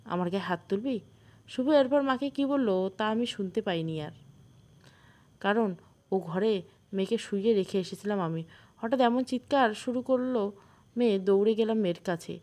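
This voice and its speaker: A woman tells a first-person audio story, earnest and emotional. Her pitch sits in the ordinary middle for a woman. She reads it steadily as a storyteller. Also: moderate pace, long pauses, mellow.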